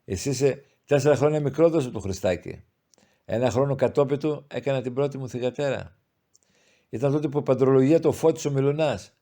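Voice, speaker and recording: Grieving pious old village mother, plaintive and heartfelt, mellow tone, read by a man. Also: medium pitch, lightly acted. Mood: reminiscing.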